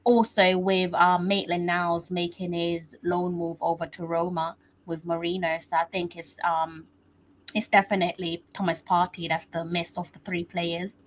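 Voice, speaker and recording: A woman co-hosts a casual football podcast and lays out her points carefully. Her voice sits fairly low for a woman. She explains at length without rushing. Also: little pitch movement, slight background noise, low-quality recording. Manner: measured, thoughtful, explanatory. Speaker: co-host.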